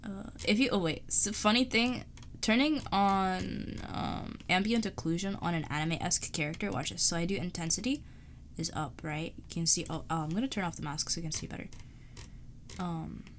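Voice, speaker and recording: A woman's voice: lowish voice, moderate pace, slight background noise. A woman streamer, sick and sparing her voice, chatting casually and thinking aloud while she draws on a live stream. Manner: thinking aloud, rambling, laughs often.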